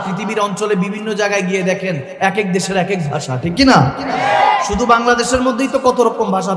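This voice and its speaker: A man delivering a rousing Bengali sermon to a crowd, building to shouts, asking the crowd questions and chanting verses in a low, slow tone. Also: a little hiss or hum. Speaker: preacher. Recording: echoey public address in a long-reverb hall.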